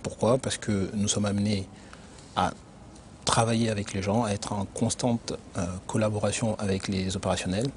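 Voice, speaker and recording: A man who grew up in Benin, an internal auditor answering interview questions in a measured, explanatory way with frequent hesitations. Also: fairly low pitch, flat delivery, darkish tone, slight background noise. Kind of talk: corporate career interview.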